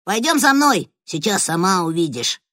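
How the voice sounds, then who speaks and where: Storybook rat, proud and impatient, put on by a woman narrator, animated swoops. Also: mid-range voice, moderate pace, no room sound, clean studio sound, voice pushed up. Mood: sly. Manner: eager, teasing, smug. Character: cocky male pet rat, playful and proud.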